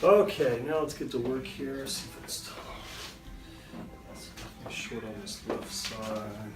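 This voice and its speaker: A man working as a chiropractor, calmly and soothingly guiding a patient through hands-on treatment in short, gentle instructions. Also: mid-range voice, moderate pace. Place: indoor treatment room. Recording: echoey room, distant mic, music underneath. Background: music.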